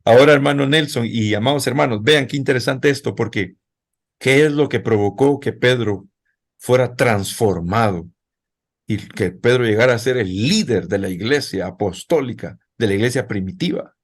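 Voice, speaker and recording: A man's voice: mid-range voice, moderate pace. Man preaching a conversational sermon. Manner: conversational preaching, addressing the congregation directly. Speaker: pastor.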